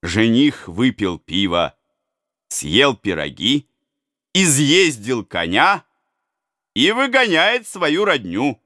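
A man narrating a historical novel as an audiobook in a measured, expressive reading. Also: mid-range voice, dry recording, clean studio sound. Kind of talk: scripted narration.

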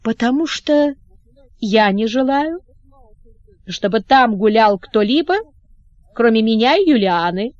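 A woman voicing a calm, disdainful young princess in an audiobook. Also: fairly high pitch, takes it slowly, no room sound, dull audio. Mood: cold. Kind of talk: audiobook character reading.

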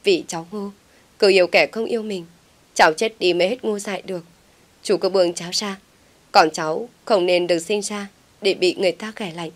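A woman's voice: medium pitch, fairly even intonation, lightly acted. A woman voicing a tearful, scheming young village woman who pleads between sobs, as the storyteller of an audiobook. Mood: tearful pleading. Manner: sobbing, pleading fast.

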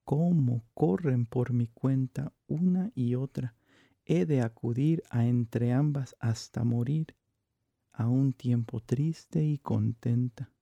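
In measured, declamatory phrases, a man performs a verse monologue as a jealous, lovestruck noblewoman from classical comedy. His voice is mid-range, creaky and mellow, and the recording is dry.

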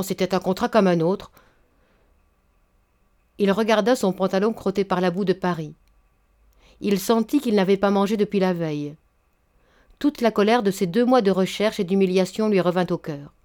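A woman narrating a literary short story as an audiobook, in a measured, expressive way. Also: mid-range voice.

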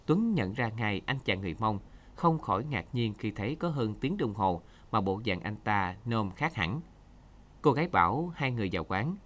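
Expressive male radio story reader. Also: lowish voice, normal speed. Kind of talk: scripted narration.

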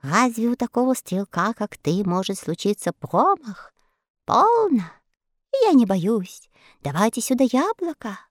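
A woman's voice: on the high side, big pitch swings, unhurried, no echo, clean studio sound. A woman voicing a brave, proud little boy in a storybook reading, speaking eagerly.

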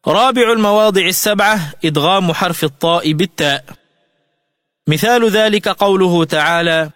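A man giving a slow, scripted tajweed lesson on the radio, explaining rules and chanting melodic examples. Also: high voice, a bit bright, no room sound, clean studio sound. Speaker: Quran recitation teacher. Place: radio studio.

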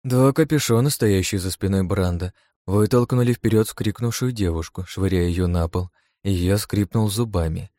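A man reading a first-person adventure audiobook in a steady, measured storytelling voice. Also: deep voice, dry recording. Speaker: audiobook narrator. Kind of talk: first-person scripted narration.

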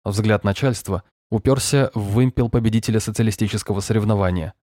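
A man reading an audiobook in measured, even narration. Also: fairly low pitch, no room sound, studio quality. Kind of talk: scripted narration.

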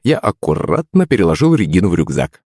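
A man narrating a first-person audiobook in a lively, wry storytelling manner. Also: deep voice, brisk, slightly rough, no room sound, clean studio sound.

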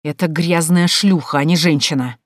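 An audiobook reader voices a coarse, brutal nobleman, a grown man who sneers and spitefully barks insults. The reader's mid-range voice sounds natural and expressive at a moderate pace. The recording is clean studio sound with no echo.

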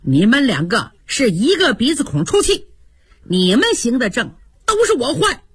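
A fickle young nobleman blusters and threatens, as a woman storyteller puts him on, the voice lurching through a wide pitch range. It stays husky and breathy, close to the mic with a dry sound. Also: wildly swooping pitch, moderate pace, dry recording, full character voice. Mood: blustering. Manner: blustering, wheedling then bullying.

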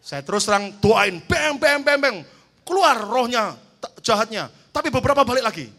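A male pastor delivers a fiery sermon in a high, bright, ringing voice. He tells stories between exhortations and swings from easy talk to loud shouts, calling the congregation for amen. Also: animated, moderate pace. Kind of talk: sermon with storytelling.

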